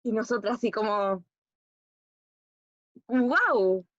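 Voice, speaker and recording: A woman's voice: on the high side, moderate pace, no echo. A young woman with a Chilean Spanish accent tells a personal story as a class monologue, hesitant and rambling with fillers and restarts. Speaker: acting student. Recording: dull, dry recording.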